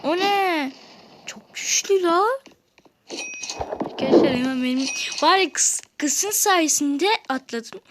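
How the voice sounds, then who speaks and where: A high-voiced woman hosts a gaming channel, keeping up a lively running commentary and chatting directly to her viewers. She taunts rival players as she plays. There is a clear hiss of noise behind her voice. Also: slow pace, pauses often. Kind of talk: excited let's-play commentary. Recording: noisy home recording.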